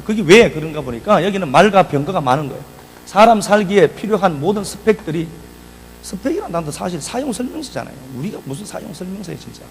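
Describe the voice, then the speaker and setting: Gravelly pastor giving a chatty sermon. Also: male voice, high-pitched, a little mellow, a little hiss or hum, rough recording. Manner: conversational preaching, reads scripture and breaks into casual asides. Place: church.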